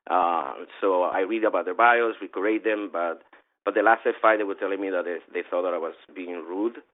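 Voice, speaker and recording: Venezuelan-accented male event organizer, low voice, rambling and animated, phone-thin sound. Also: fairly quick. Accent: Venezuelan Spanish. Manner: rambling, animated, frequent restarts and laughs. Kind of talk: casual interview chat. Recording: tinny phone-like line.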